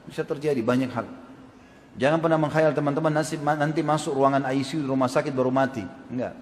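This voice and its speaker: A man preaching a sermon, asking his audience questions and acting out quoted speech. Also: a little high. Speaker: Islamic preacher. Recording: echoey hall with long reverb.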